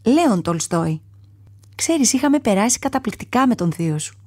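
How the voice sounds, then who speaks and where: A weary caged circus lion from a storybook, as a woman puts him on, gentle and sorrowful. His voice is dark and a little husky, recorded dry and close. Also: a little high, very animated, dry recording. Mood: friendly. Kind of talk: storybook character voice.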